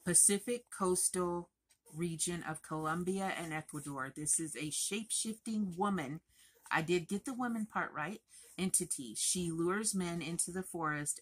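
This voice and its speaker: A woman crochet vlogger talking in a chatty, rambling, expressive way to her viewers. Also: low voice, moderate pace. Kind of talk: casual chatty vlog.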